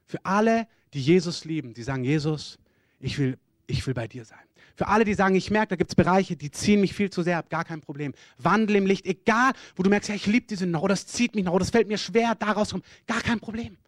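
A man with a fairly high voice preaches and prays with urgent, repetitive appeals. His voice sounds dry and close, with almost no room around it. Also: quick pace, dry recording. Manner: urgent, repetitive pleading calls. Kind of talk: sermon with altar call and prayer.

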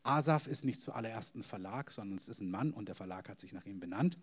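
A man preaching a sermon to a congregation, emphatic, with sudden loud stresses and hushed, whispered asides. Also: on the low side, expressive, quick pace, slightly rough. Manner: addresses the congregation directly.

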